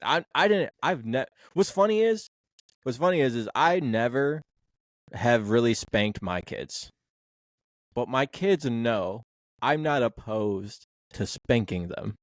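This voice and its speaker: A man's voice: medium pitch, animated, slow pace, dry recording, studio quality. A man hosting a casual sports podcast, talking bluntly and rambling, with the odd swear word. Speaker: podcast host.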